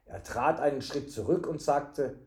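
A man reading a children's adventure book aloud to a child, calm, with explaining asides. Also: medium pitch, measured pace. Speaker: reader reading a story to a child.

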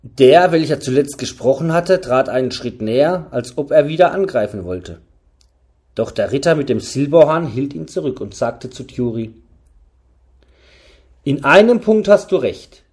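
A man narrating a fantasy tale about knights as an audiobook, in steady storytelling. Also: medium pitch, normal speed, breathy edge.

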